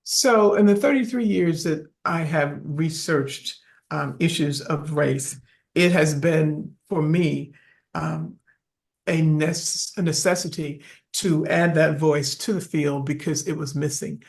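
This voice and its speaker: A woman professor of fifty or older who talks in a reflective, unhurried way on a webinar panel, pausing often as she gathers her thoughts. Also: low voice, gravelly, a little mellow. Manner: reflective and unhurried, with pauses and fillers.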